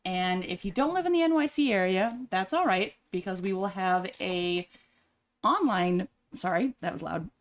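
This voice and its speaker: A woman's voice: mid-range voice, lively intonation, moderate pace. A woman with a Southern American accent, a player on a game podcast, making casual announcements with many fillers. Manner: chatty, hesitant with fillers. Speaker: player and choir singer.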